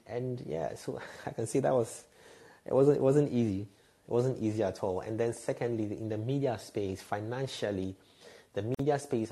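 A Ghanaian man in his 30s, a radio and TV presenter, tells candid stories as a podcast guest in a low, warm voice with a breathy edge. He is reflective and frank, laughing lightly at himself.

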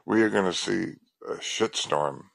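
A man's voice: low voice, a little slow, creaky, a bit bright, no room sound, rough recording. A man calling in to a talk show, speaking in an emphatic, rambling, crude way. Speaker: caller. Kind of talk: phone-in conversation.

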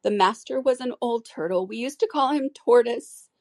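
A mournful, sighing male Mock Turtle from a storybook, as a woman reader puts him on. He speaks in a raised, plaintive voice that stretches words out slowly. The telling is loud and weepy throughout. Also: fairly high pitch, voice pushed up, lightly acted. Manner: weepy, plaintive, drawn-out delivery. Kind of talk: storybook reading.

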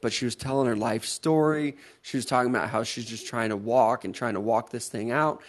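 A man's voice: mid-range voice, steady tone, brisk. A man co-hosting a talk show, telling stories casually and bluntly, swearing freely. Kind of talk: casual banter and storytelling.

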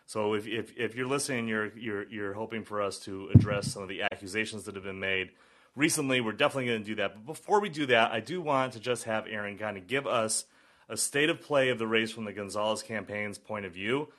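Low, bright-voiced American male host. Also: a little fast. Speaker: political show host. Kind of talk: casual interview hosting.

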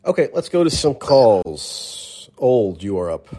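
A man hosts a call-in podcast in a casual chat, speaking slowly in a warm, husky, medium-pitched voice with big pitch swings. He's careful, qualifies what he says, and frequently restarts his sentences.

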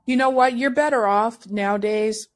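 A woman's voice: a little high, normal speed. A woman in a casual discussion, explaining her points in a matter-of-fact way.

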